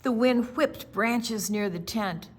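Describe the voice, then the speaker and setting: Reading a picture book to a group of children, this older storytime reader uses dramatic, deliberate delivery and slips into softer, chatty asides. She has a fairly high-pitched voice.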